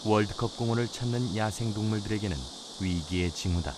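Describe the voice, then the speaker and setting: A man giving scripted nature documentary narration in a measured, solemn storytelling manner. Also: lowish voice, background noise. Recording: music behind the voice. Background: background music.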